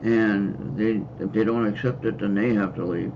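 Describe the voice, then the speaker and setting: A man's voice: on the low side, steady tone, normal speed, gravelly, noisy background. An American man hosting a casual livestream card reading, talking in a rambling way with hesitant fillers and repeats. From United States. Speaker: host and card reader. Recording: slightly dull lo-fi stream audio.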